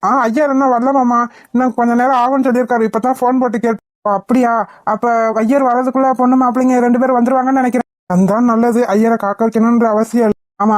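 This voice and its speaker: A woman voicing family members in a cartoon, talking in lively banter. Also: a little high, no echo. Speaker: cartoon voice-over artist. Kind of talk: cartoon voice acting.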